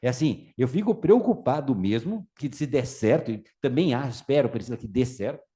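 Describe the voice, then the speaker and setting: A man with a Brazilian Portuguese accent giving a lively public talk on taxes, acting out little scenes in different voices. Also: mid-range voice, brisk. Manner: animated, acts out voices in anecdotes. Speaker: speaker on tax reform.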